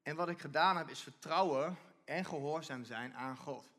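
Guy preaching, kinda high voice, lively, stumbles and repeats himself. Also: normal speed. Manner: animated, repeats and restarts, reads scripture aloud. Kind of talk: sermon.

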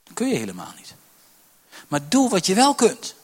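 A man, a pastor preaching a sermon to his church, swinging between loud calls and quiet asides. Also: high voice, wildly swooping pitch, moderate pace, husky. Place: church hall.

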